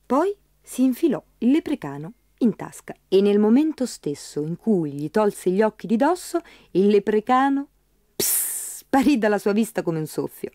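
Animated woman telling a storybook tale. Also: mid-range voice, normal speed, dry recording, clean studio sound. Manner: animated, dramatic. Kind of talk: expressive audiobook storytelling.

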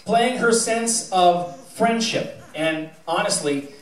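A high school theatre director, a middle-aged American man, announces awards informally from an indoor school stage in a folksy, wry, teasing way at a slow pace. His slightly high voice on a handheld PA mic echoes through the auditorium, recorded from afar by a camera amid audience murmur and laughter.

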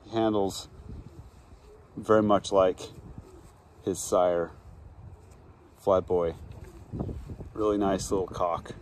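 Slow low-voiced man outdoors. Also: steady tone, darkish tone. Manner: unhurried, matter-of-fact, with frequent ums. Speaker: pigeon breeder. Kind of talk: casual show-and-tell. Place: backyard outdoors. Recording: faint outdoor background noise.

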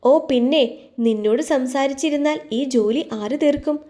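A woman voicing a young woman who hides her heartbreak behind gentle teasing, in an audio storybook. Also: high-pitched, normal speed, lightly acted. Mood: wistful.

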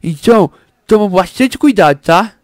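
A woman voicing an excitable baby boy speedster hero in a Minecraft roleplay, bossy and frantic, shrieking when scared. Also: mid-range voice, moderate pace, no echo, natural voice. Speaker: channel host.

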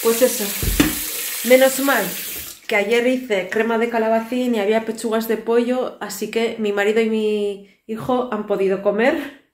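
A family vlogger in her thirties, natively Basque with a Basque Spanish accent, chats casually in her tiled kitchen at home, weary and rambling. Her voice is on the high side, fairly even and moderately paced, picked up by a phone camera at arm's length in that echoey room.

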